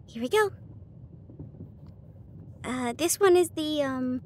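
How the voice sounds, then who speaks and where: A high-voiced woman plays a loving, book-loving partner in an intimate audio roleplay, speaking expressively. Her delivery is chatty and relaxed yet broken by hesitant pauses, with train ambience audibly running behind her.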